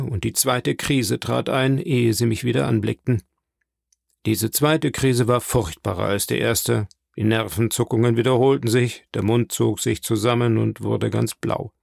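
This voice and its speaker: Male audiobook narrator, steady reading, gravelly voice, dry close sound. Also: mid-range voice, a little slow, no room sound. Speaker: audiobook reader.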